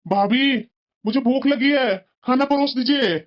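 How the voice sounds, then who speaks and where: Woman putting on a lowered young guy voice for a cartoon brother-in-law. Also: a little slow, dull audio. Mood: asking. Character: young man, the husband's brother, hungry. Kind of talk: Hindi cartoon voice acting.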